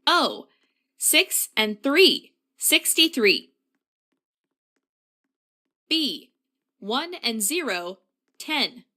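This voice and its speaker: A woman's voice: sits high, sing-song, very slow, long pauses, bright, forceful tone. A woman working as a bingo caller, announcing numbers in short, clipped, formulaic phrases.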